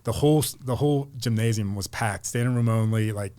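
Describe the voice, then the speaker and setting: A man's voice: on the low side, fairly quick, dark tone. A middle-aged man from Pennsylvania, a podcast guest telling long casual stories with lots of restarts and repeated words. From Pennsylvania, United States. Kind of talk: casual storytelling interview.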